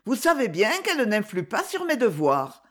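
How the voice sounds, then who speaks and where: Woman reading as a sad young lady, wistful and downcast, higher voice, lively lilt. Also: normal speed. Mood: melancholy.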